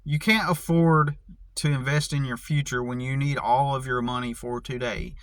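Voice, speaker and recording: A man's voice: mid-range voice, fairly even intonation, moderate pace, dry recording. An American man in a casual vlog, ranting angrily and profanely with many restarts. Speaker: vlogger.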